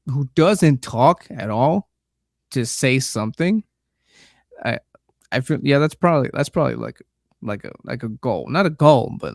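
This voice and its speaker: A man hosting a podcast, casually recapping a horror film in a rambling, halting way, full of fillers, restarts and the odd swear word. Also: mid-range voice, vocal fry, no room sound, studio quality. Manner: profane, laid-back. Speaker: podcast host reviewing a film.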